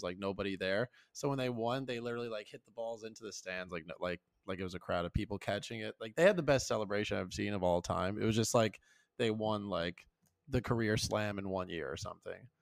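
A young man co-hosting a podcast, chatting casually and telling jokey, animated stories. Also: lowish voice, creaky, dry recording, clean studio sound. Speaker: podcast co-host. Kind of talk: casual chat.

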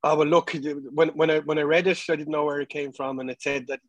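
A man talks in a slightly high, fairly flat voice, close and dry. He chats casually about football, hesitating and doubling back on words. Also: fast, no echo, lo-fi sound. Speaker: guest pundit on a football fan show. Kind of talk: casual chat.

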